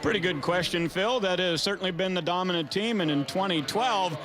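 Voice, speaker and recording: A man's voice: high-pitched, a little fast. A man working as lead motorsport commentator, calling live races in an upbeat, polished broadcast delivery. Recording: music behind the voice.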